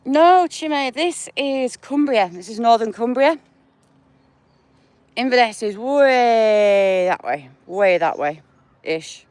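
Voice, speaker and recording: A woman's voice: on the high side, expressive, takes it slowly, darkish tone, no echo. A woman with a northern English accent, chatting to her viewers by name while walking outdoors in the countryside. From England. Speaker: vlogger. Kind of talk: casual live-chat walk vlog.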